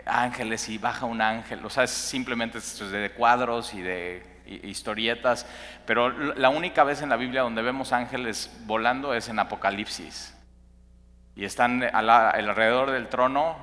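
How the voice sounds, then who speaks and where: A man's voice: mid-range voice, pushed and bright, long reverb tail. A man, a pastor teaching a Bible study in a conversational way, asking the listener questions and spelling out names.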